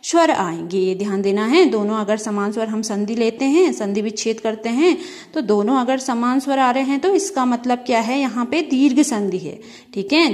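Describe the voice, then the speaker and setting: A woman's voice: fairly high pitch, darkish tone. Woman teacher quizzing and answering herself. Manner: asks questions and answers them herself, repeating key terms; drawn-out syllables when spelling out sounds. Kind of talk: classroom grammar lesson.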